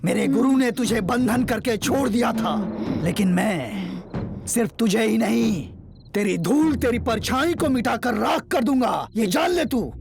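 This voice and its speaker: A man's voice: lively intonation, a little slow, vocal fry, noisy background, exaggerated voice. An actor dubbing a fierce male exorcist in a horror film who threatens a ghost in a commanding voice. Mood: threatening. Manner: threatening, commanding, plots in low muttered asides. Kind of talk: Hindi film dub. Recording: dubbed film audio with music.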